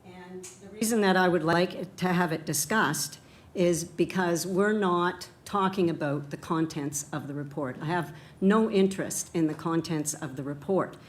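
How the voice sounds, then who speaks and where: A woman's voice: fairly low pitch, normal speed. A woman town councillor arguing her point firmly and insistently in a council meeting. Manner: firm, insistent.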